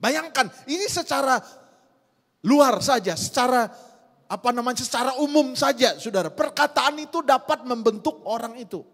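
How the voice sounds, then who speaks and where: A middle-aged man, preaching a sermon in a lively storytelling way and often addressing the congregation directly. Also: very high-pitched, normal speed. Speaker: pastor. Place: church hall. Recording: long church hall reverb.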